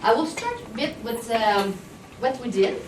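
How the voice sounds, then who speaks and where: A presenter at a conference, a woman whose first language is French, speaks with a French Canadian accent in a friendly, chatty, self-deprecating way, sometimes searching for words. Her voice is fairly high, expressive and a little slow. She sounds far from the mic in an echoey hall, with a constant hum of audience noise behind her.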